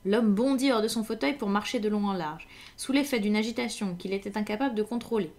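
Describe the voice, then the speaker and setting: A woman reading a classic detective story aloud in French, with measured, attentive narration. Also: medium pitch, darkish tone. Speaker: audiobook reader.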